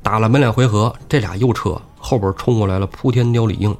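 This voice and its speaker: A man co-hosting a podcast, retelling a classic novel in a lively, colloquial way. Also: fairly low pitch, fast talker. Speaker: podcast co-host.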